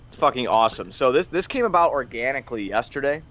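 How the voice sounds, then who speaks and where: A man's voice: mid-range voice, sing-song, fast talker, fairly bright tone, dull audio. A man hosting a casual sports podcast in a brash, slangy way. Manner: brash, slangy, heavy swearing. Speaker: podcast host.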